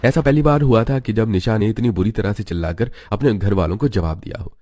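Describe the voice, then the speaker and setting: Man narrating a children's story, low. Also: a little fast, mellow, no echo, clean studio sound.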